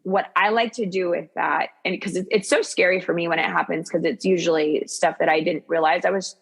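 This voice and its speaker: A woman with a lowish, slightly rough voice and vocal fry chats as a coach and podcast guest, her intonation fairly even. She sounds casual and confiding, often halting to correct herself in this reflective podcast conversation.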